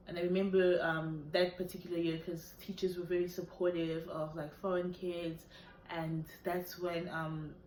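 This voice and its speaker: Earnest young woman vlogging. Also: lowish voice. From South Africa. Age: 20s. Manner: earnest, hesitant with many fillers. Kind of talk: personal talk to camera. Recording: echoey room, faint background noise.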